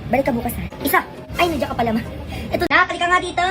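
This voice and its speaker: A woman in comic family skits, talking in a quick, scolding, exasperated way. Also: high voice. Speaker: comedy skit creator. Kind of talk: comic skits playing several family roles. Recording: skit clip with loud music behind.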